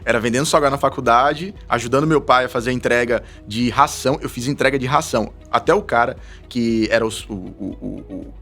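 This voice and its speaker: Fast-talking man telling his story. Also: mid-range voice, creaky, faint music behind. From Salvador, Brazil. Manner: fast, animated storytelling with frequent laughs. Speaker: guest, investment advisor. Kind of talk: casual podcast interview.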